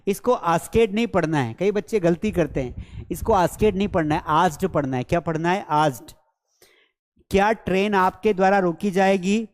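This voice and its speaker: A man teaching English grammar in a live online class, repeating example sentences slowly and checking that students follow; his first language is Hindi. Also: high-pitched, a little mellow, big-room sound. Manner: slow, drilled repetition of example sentences; coaxing, checks understanding with repeated questions. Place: studio with a board and screens.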